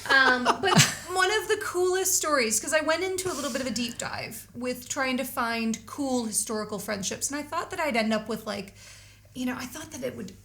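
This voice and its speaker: A woman co-hosting a casual podcast chat among friends, lively and laughing, with lots of fillers and restarts. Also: high voice, fairly quick. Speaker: podcast co-host. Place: Edinburgh.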